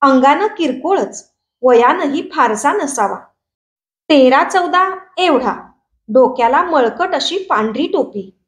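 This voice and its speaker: Woman storyteller, high voice, roomy echo; clear, measured reading. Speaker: storyteller and channel host. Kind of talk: reading a short story aloud.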